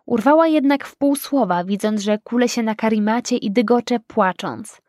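Kobieta czyta audiobook w pierwszej osobie, spokojnie i równo. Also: female voice, a little high, normal speed, darkish tone, dry recording, clean studio sound. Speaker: audiobook narrator. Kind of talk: first-person audiobook narration.

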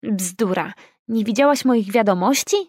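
A woman's voice: mid-range voice, a little slow, darkish tone, slightly rough, no echo, studio quality. A woman reading as a needling young woman friend. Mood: teasing. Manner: ironic, needling, pushy.

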